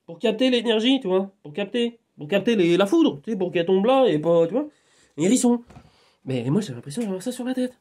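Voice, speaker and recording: A man's voice: high voice, expressive, fairly quick, darkish tone. A man, a hypnotherapist, rambling in a casual monologue, talking to an unseen friend and swinging from muttering to exclaiming.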